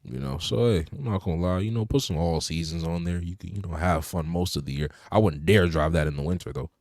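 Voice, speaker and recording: A young man with a deep, low voice talks cars in a relaxed, rambling way, leaning on filler words. The sound is close and dry, with no room around him. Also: fast talker, no echo. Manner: laid-back, many fillers like "you know". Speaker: podcast co-host. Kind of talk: casual car chat.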